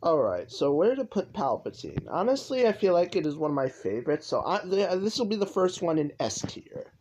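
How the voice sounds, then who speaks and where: A man's voice: high-pitched, big pitch swings, a little fast, a little mellow, a little hiss or hum, rough recording. A young man giving casual, rambling commentary over gameplay as a YouTuber, full of fillers and restarts. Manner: rambling, lots of likes and restarts. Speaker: gaming YouTuber.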